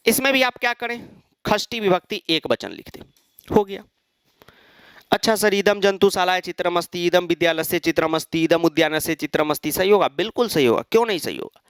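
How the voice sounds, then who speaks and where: A man's voice: fairly high pitch, fairly bright tone, clean tone, no echo, studio quality. A man teaching an exam-prep lesson, explaining step by step and answering his own questions. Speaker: Sanskrit teacher.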